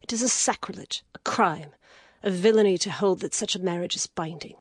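A woman voicing a weary, proud young noblewoman in an audiobook, speaking in a hushed, whispery way. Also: mid-range voice, moderate pace, no room sound, clean studio sound, pitched above the performer's own voice. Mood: indignant. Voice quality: breathy, whispery. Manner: hushed and tired, rising to bitter outrage. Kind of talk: audiobook character voice.

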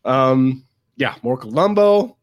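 A man who sounds slightly hoarse and sick with a cough, giving halting, emphatic, sweary film reviews in casual chat. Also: medium pitch, lively intonation, no echo, clean studio sound. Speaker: podcast co-host.

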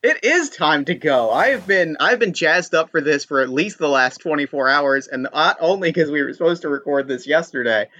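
A man recorded on a fuzzy laptop microphone, hosting a casual interview in an excited, informal way. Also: on the high side, fairly quick, few pauses, no room sound, dull audio. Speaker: podcast host. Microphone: built-in laptop microphone.

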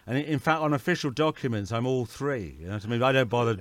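A man from England, a guest artist, chatting in a relaxed way over a video call and laughing easily. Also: medium pitch, quick pace, a crowd in the background.

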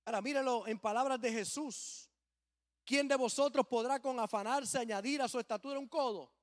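A man preaching a sermon as a pastor, swelling suddenly loud and acting out the people he quotes. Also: very high voice, normal speed.

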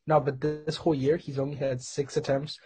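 A man's voice: medium pitch, level tone, brisk, dark tone, slight background noise. A man taking part in casual sports chat as a podcast co-host.

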